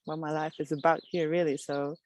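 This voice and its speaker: A woman from Switzerland, a podcast guest speaking outdoors in a reflective, halting way. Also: low-pitched, level tone, slight background noise. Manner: soft, reflective, halting with restarts. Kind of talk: casual interview chat. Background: birdsong.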